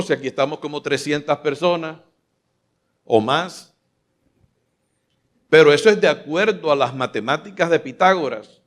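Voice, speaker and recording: A man's voice: fairly high pitch, a bit bright. A man preaching a live Sunday sermon from a church stage, emphatic and rousing, calling out questions for the congregation to answer. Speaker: pastor. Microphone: filmed from a stage mic.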